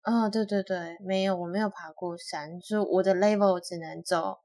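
A woman's voice: mid-range voice, steady tone, normal speed, mellow, no room sound. A young woman speaks Mandarin with a Taiwanese accent as co-host of a casual podcast. She chimes in often with short agreeing remarks, in an easygoing manner. The recording is close and dry, with no room sound. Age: 20s. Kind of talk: casual chat.

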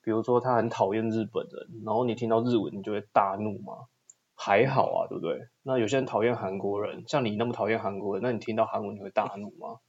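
A man's voice: on the low side, steady tone, fast talker, darkish tone, husky, dull audio. A man with a Taiwanese accent chatting casually as a podcast co-host. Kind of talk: casual chat.

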